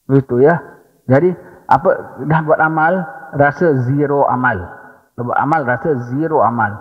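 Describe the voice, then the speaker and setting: A man with a Malaysian accent giving a religious lecture as a teacher, prodding listeners with rhetorical "ha?" questions and humorous asides. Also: mid-range voice. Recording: dull recording in a long-echoing hall.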